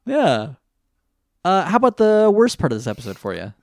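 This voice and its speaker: An easygoing man co-hosting a relaxed podcast chat. He laughs often, and his pitch rises and falls freely as he talks. His voice is dry and close, with no room sound. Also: normal speed, no room sound. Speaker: podcast co-host.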